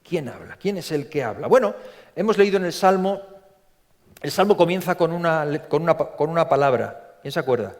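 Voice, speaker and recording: Animated preacher from in a big hall. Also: male voice, fairly high pitch, fairly quick. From Spain. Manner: animated, repeats words, acts out quotes in a story. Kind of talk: sermon. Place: large church. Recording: long reverb from a church hall.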